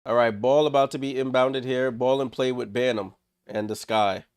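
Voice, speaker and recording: This is casual live play-by-play from a male watchalong host who chats with his audience and is slightly congested and unwell. His mid-range voice is clear and resonant, with fairly even intonation and a normal pace. The recording is dry and studio-clean.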